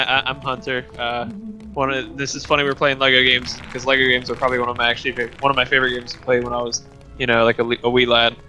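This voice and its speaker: Young dude chatting on a gaming podcast, keeps laughing, super bright voice, quiet game music behind. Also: male voice, mid-range voice, low-quality recording. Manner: laughs often, rambling and upbeat. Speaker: podcast co-host. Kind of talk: casual gaming podcast chat.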